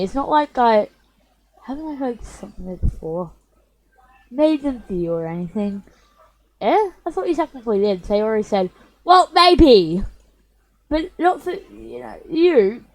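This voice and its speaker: A woman voicing a sassy, prickly teenage schoolgirl who talks loud and bratty. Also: a little high, sing-song, a little slow, pauses often, heavily acted, rough recording. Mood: huffy.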